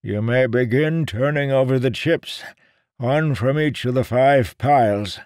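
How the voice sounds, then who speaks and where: A man's voice: mid-range voice, measured pace, darkish tone, clean tone, no echo, clean studio sound, voice pushed up, natural voice. A man voicing an irritable, pompous old male seer with a strained, raised voice in an audiobook. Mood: muttering, ominous. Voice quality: crotchety, huffy.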